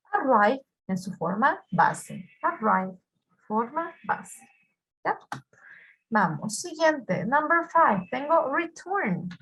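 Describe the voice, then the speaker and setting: A woman's voice: high-pitched, fairly bright tone. A woman teaching an English grammar lesson, patiently repeating words and quizzing her students.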